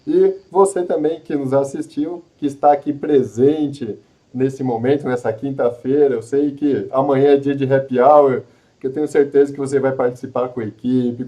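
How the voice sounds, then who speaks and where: A man's voice: medium pitch, dark tone, low-quality recording. A man hosting a live web show, talking earnestly with frequent restarts and repetitions. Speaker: host. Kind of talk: live web show chat and course pitch.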